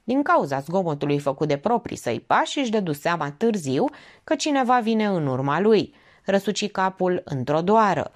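A woman reading a novel aloud as audiobook narration, telling it expressively. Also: on the low side. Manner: expressive, even storytelling. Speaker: audiobook reader.

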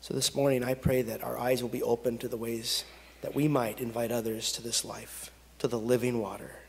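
A man in his thirties, a pastor, leading a pastoral prayer and reading scripture from the pulpit in slow, measured phrases with long pauses. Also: medium pitch, little pitch movement, gravelly, darkish tone. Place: church sanctuary at a pulpit. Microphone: pulpit gooseneck microphone. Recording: long reverb of a church sanctuary.

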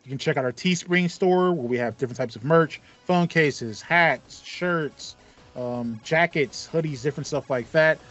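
Faint music plays behind a man in his thirties whose fairly bright voice sits on the high side, speaking at normal speed as he co-hosts a podcast. His chat is casual, and he acts out his thoughts as he goes. He's in a small foam-treated room at home, and the audio is slightly dull and band-limited.

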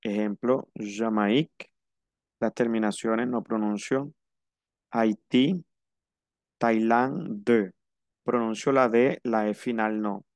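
A man teaching a French lesson, slow and careful, repeating each word for his students. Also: fairly low pitch, steady tone, dry recording. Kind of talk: language lesson.

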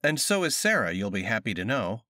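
A man reading an audiobook, voicing a calm, polite middle-aged acquaintance in a plain voice. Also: fairly low pitch, fairly quick, dry recording, studio quality, pitched below the performer's own voice.

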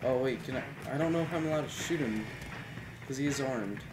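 A man's voice: mid-range voice, a little fast, background noise. A man giving casual gaming commentary, often talking back to the characters in the game. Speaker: gameplay commentator. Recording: game music behind. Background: video game music.

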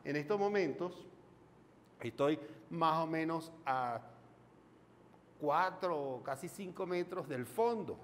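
A man's voice: a little high, expressive, slow, long pauses, in a large hall, slight background noise. A Venezuelan man teaching film lighting in a chatty, informal video lesson, asking himself questions as he explains. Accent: Venezuelan Spanish. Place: home studio in front of a green screen.

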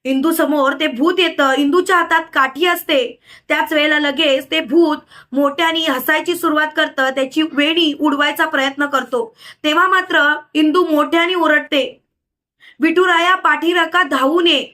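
High-voiced woman narrating a story. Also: fairly even intonation, moderate pace, sharp tone.

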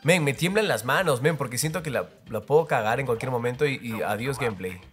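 A man giving live, excitable commentary over his own gameplay, repeating words in rapid bursts and cheering. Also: medium pitch. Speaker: mobile game player and creator. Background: faint game music and gunfire.

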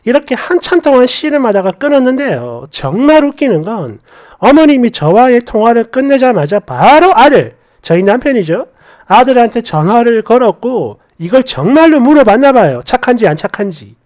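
A woman's voice: on the high side, big pitch swings, normal speed, a little mellow. A woman narrating a first-person story in a chatty, conversational manner. Her voice rises and falls with plenty of life as she tells it.

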